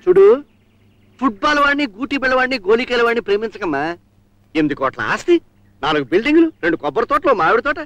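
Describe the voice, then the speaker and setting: A high, fast scheming father. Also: very animated, fairly bright tone, no echo, heavily acted. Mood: wheedling. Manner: wheedling, scheming, comic. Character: scheming greedy middle-aged father, comic. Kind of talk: 1980s film dialogue.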